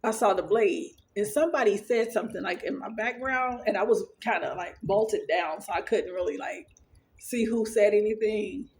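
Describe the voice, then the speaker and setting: Woman vlogger, mid-pitched, casual and rambling storyteller, earnest. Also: a little mellow. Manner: rambling, with many fillers and restarts. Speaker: vlogger sharing her dreams.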